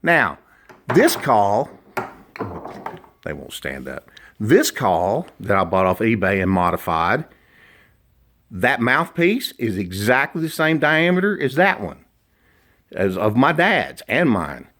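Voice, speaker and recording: A middle-aged man explaining and demonstrating handmade products informally, in a deliberate, emphatic and opinionated manner. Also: on the low side, big pitch swings, a bit bright. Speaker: duck call maker.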